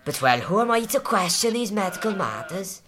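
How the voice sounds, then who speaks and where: A woman's voice: medium pitch, very animated, normal speed, heavy background noise, close to an everyday voice. A woman voicing a simple, long-winded male farmhand who rambles hesitantly through endless fillers.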